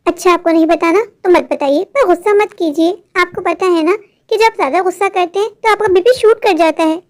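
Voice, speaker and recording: A woman voicing a caring, chatty wife in a cartoon, who fusses, asks questions and gently scolds. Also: extremely high pitch, a little fast.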